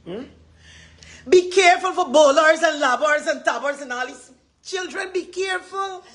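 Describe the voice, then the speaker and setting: A woman's voice: high-pitched, normal speed, a bit bright. A woman with a Guyanese accent gives an impassioned, rambling live address as a community advocate, repeating her points with emphasis.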